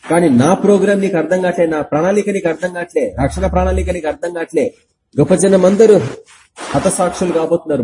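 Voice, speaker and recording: A man's voice: a little high, dark tone, a little hiss or hum, low-quality recording. A man preaching an impassioned sermon, pressing his listeners with rhetorical questions.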